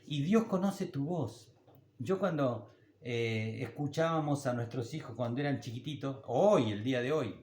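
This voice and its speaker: Folksy older Argentine pastor, echoey room. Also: male voice, medium pitch, a little slow, a little mellow, a little hiss or hum. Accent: Argentine Spanish. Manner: conversational, folksy, with anecdotes and small laughs. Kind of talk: sermon.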